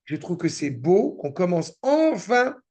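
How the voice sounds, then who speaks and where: A man's voice: high-pitched, sing-song, measured pace, darkish tone. A man teaching a Torah class, reading verses and explaining them cynical asides. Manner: reads Hebrew text then explains it, with cynical asides. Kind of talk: Torah lesson with Hebrew quotes and commentary.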